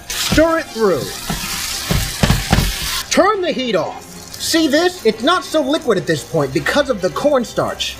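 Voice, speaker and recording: Cooking host, tipsy and brash, very animated intonation, casual sweary how-to delivery, music and frying underneath. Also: mid-range voice, poor audio. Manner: tipsy, drunk; brash, irreverent, playful. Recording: music behind, sizzling pan. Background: music and frying sizzle.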